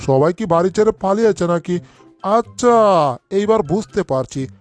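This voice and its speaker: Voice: medium pitch, darkish tone, natural voice. A performer voicing a grumbling husband in a cartoon dub, with an exasperated way of talking. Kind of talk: fan cartoon dubbing.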